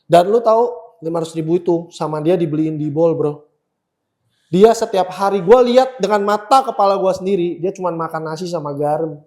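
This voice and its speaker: A man from Pontianak with an Indonesian accent, hosting a casual podcast, keeping the talk going with quick agreements and curious questions. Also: sits high, a little mellow. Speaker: podcast host. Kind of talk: casual chat.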